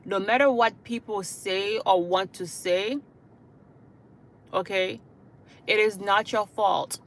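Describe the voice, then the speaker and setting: Talking slowly and with fairly even intonation, this woman has a mid-range voice. She's a hospice caregiver from Haiti and a channel host, addressing her live stream audience earnestly and often tossing in "okay?" and "you know."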